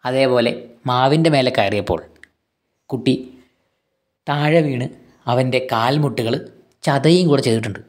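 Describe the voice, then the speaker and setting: A man explains a children's poem in a relaxed lesson, at an ordinary mid pitch. He is patient, repeats points and poses simple questions before answering them himself. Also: a little slow, pauses often. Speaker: teacher.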